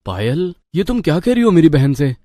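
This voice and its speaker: A man's voice: on the high side, brisk, no room sound, clean studio sound. A man voicing a young husband who reproaches his wife. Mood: stern. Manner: reproachful, lively intonation. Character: stern young husband and son. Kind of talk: Hindi storybook voice acting.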